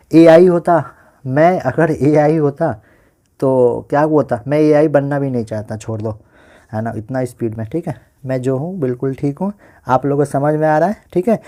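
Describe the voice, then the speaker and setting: A man with an Indian accent teaching a physics lesson online, asking his students questions and answering them himself, speaking slowly on purpose. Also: on the high side, dark tone. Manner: says he talks slowly on purpose. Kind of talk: online class lecture.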